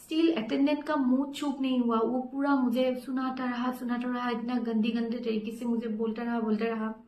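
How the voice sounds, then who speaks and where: A woman's voice: fairly high pitch, little pitch movement, normal speed, a little mellow, roomy sound. A young woman nursing student telling a personal story in a casual, rambling way, with many fillers and English words mixed in.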